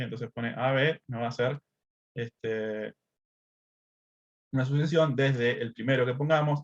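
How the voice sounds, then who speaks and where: A man teaching a screen-recorded coding lesson step by step, often asking "¿sí?" and filling gaps with "este". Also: mid-range voice. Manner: explains step by step, checks in with "¿sí?" and "este". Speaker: math teacher. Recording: slightly dull lo-fi audio.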